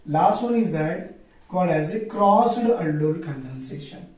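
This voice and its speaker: A man with an Indian accent gives a classroom lecture in a high, soft-edged voice. He repeats his phrases and tags them with quick check-in questions. The sound is very echoey, picked up far from the mic. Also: animated. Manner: repetitive, checking understanding with tag questions. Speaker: chemistry teacher.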